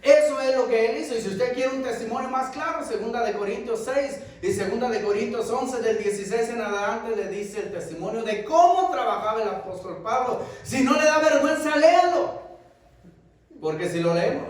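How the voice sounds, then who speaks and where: Male pastor, fervent sermon delivery, high-pitched voice, distant mic in a booming church hall. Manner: impassioned preaching, swinging between loud peaks and hushed asides. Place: church sanctuary.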